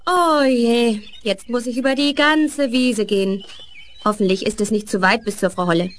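A woman's voice: a little high, moderate pace, slight background noise, lightly acted. A woman playing a lazy, greedy and rude young girl in a children's fairy-tale radio play. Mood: sulky. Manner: sulky, rude, whiny.

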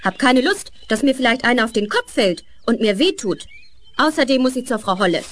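A woman's voice: a little high, sing-song, a little fast. A woman playing a lazy, greedy and rude young girl in a children's fairy-tale radio play. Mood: sulky. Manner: sulky, rude, whiny.

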